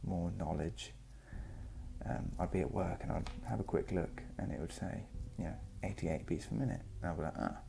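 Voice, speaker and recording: A man giving a reflective, personal vlog monologue, speaking earnestly in short, halting phrases. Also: deep voice, vocal fry, background noise. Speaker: vlogger. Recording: music behind the voice.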